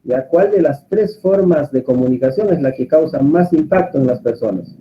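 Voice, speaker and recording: A man lectures to a class, his voice pitched a little above the usual. He keeps turning to his students with questions, in an even, teaching manner. The sound is muffled and lo-fi. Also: moderate pace, a little hiss or hum. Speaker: course instructor. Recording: muffled, lo-fi audio.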